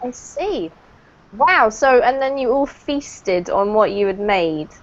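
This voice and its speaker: A UK woman living in New Zealand teaches a casual online English class, friendly and laughing often as she talks over students. Her voice is on the high side, expressive and slow. The highs are cut off.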